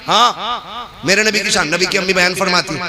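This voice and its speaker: A man preaching a devotional sermon in an impassioned way, building to shouted climaxes. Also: sits high, steady tone, fairly quick. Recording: loud crowd around a live stage talk.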